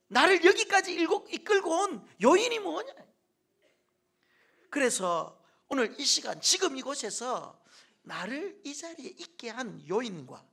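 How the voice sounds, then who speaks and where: Gravelly-voiced pastor preaching with wide swings. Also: male voice, very high voice. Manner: jokes with the congregation, swings from loud to near-whispered asides. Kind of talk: sermon. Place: church sanctuary.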